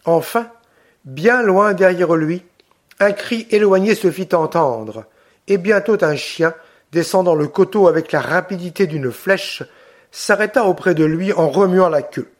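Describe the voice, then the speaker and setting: Slow, measured male audiobook narrator. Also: high voice. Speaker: audiobook reader.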